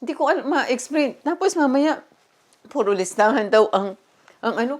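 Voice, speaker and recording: A woman pastor with a high-pitched voice gives a sermon that includes personal testimony. She speaks at a moderate pace in an animated, conversational way with many fillers.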